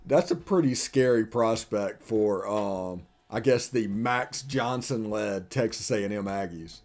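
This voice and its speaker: A man's voice: lowish voice, measured pace, darkish tone. Chatty, joking podcast host, a man. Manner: chatty, joking, loose run-on sentences. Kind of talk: casual sports podcast chat.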